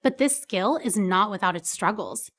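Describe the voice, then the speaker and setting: A woman's voice: mid-range voice, expressive, moderate pace, a bit bright. A woman reads scripted explainer narration in a formal, informative manner.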